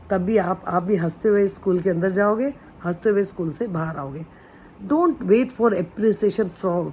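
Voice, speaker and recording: Woman, school dance teacher, earnest and encouraging, mixes in English phrases, middle pitch, casual advice video. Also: mellow, slight background noise, low-quality recording.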